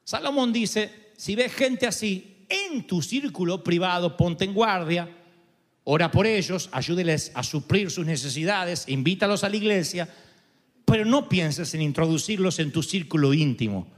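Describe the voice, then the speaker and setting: A male pastor, preaching a sermon in an animated way and acting out quoted voices. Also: high voice, a little slow. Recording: long hall reverb.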